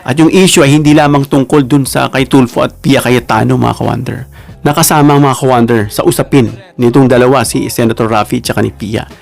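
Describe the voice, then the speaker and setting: A man's voice: mid-range voice, vocal fry, a little mellow. A man with a Filipino accent giving casual political commentary, chatty, with constant tag questions and asides to his viewers.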